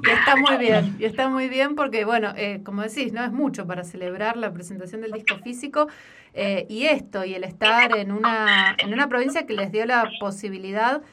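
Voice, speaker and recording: A woman hosts an interview, offering brief affirmations and then fluid recaps of what her guest has said. Her voice comes through on a recording with clear background noise. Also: on the high side, fairly quick, bright, forceful tone. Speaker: radio host.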